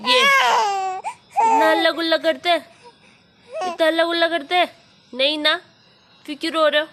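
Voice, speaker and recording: A woman's voice: very high-pitched, moderate pace, noisy background, voice pushed up. A young woman coaxing and soothing her baby in a sing-song baby-talk voice. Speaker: mother talking to her baby.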